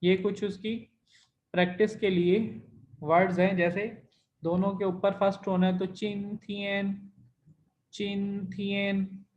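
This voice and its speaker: A man teaching an online language class, explaining step by step and demonstrating tones by slowly repeating syllables. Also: sits high, little pitch movement, muffled recording. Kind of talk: recorded online class lesson.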